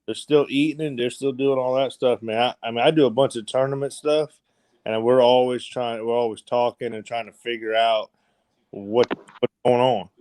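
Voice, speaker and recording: A man's voice: mid-range voice, steady tone, moderate pace, darkish tone, smooth, no room sound. A man hosting a livestream, chatting casually about fishing in a rambling, laid-back way full of fillers. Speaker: livestream host.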